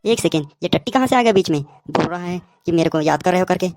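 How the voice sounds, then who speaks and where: A man's voice: sits high, expressive, fast talker, no room sound. A man giving a mocking, comic voice-over commentary on a cartoon as the channel host. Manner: mocking, roasting.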